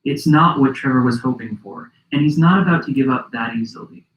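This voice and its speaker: A man hosting and narrating a documentary podcast in a measured, reflective scripted style. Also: medium pitch, roomy sound, poor audio.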